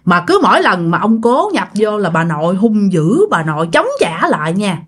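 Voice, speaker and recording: A woman's voice: medium pitch, normal speed, husky. A woman with a Southern Vietnamese accent telling a ghost story casually, acting out quoted voices. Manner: animated, acts out quoted voices.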